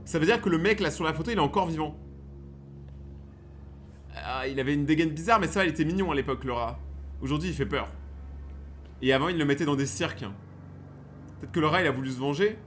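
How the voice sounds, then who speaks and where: A man's voice: on the high side, quick pace, pauses often, a bit bright, soft background music. A young man giving casual, slangy, joking running commentary as he reacts to horror footage. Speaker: reaction video host.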